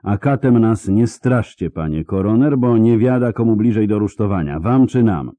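A man voicing a hoarse, proud woman mercenary leader in an audiobook reading, blunt and defiant. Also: on the low side, sing-song, moderate pace, warm tone, no room sound, pitched above the performer's own voice. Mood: scornful.

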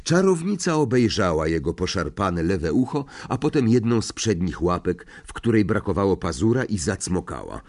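A man reading a children's fantasy novel aloud as the audiobook narrator, with expressive, varied storytelling. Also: low-pitched, moderate pace, few pauses. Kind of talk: scripted narration.

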